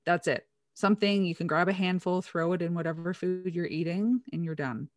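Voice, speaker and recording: A woman's voice: lowish voice, fairly even intonation, a little fast. A woman co-hosting a casual science chat, eagerly explaining nutrition research in detail.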